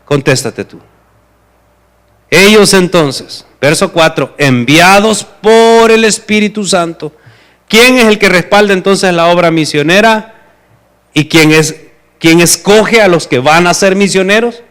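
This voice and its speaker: Male preacher, Salvadoran accent, higher pitch, emphatic sermon delivery. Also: measured pace, fairly bright tone, clean tone. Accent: Salvadoran Spanish. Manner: emphatic, asks the listeners rhetorical questions.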